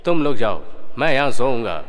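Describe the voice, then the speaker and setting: A man's voice: medium pitch, sing-song, normal speed, fairly bright tone, big-room sound. An actor voicing a drowsy village boy who dreams things before they happen, in a cartoon. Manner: drowsy, pleading. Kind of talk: cartoon voice acting.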